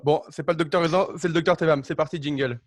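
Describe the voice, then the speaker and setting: A man's voice: a little high, steady tone, fast talker, music in the background. A young man hosting a radio show, joking and teasing his guests as he introduces them. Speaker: host.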